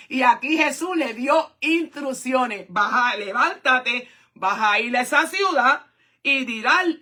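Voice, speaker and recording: A woman preaching a fervent sermon, breaking in often with hallelujahs and drawn-out exclamations, and checking in with her listeners as she goes. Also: high voice, sharp tone. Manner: conversational, checks in with "¿verdad?".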